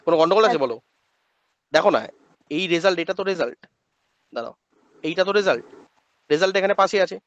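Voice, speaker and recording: A male math teacher giving a classroom lecture, asking questions and answering them himself as if he were a student, and drilling pronunciation slowly. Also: sits high, lively intonation, fairly bright tone, dry recording. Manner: asks and answers his own questions in students' voice. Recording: dull lo-fi dry sound.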